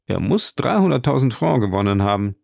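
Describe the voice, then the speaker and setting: A man's voice: lowish voice, sing-song, brisk, creaky, a little mellow, no room sound, clean studio sound, exaggerated voice. A man reading a matter-of-fact ministry secretary. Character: evasive male minister's secretary.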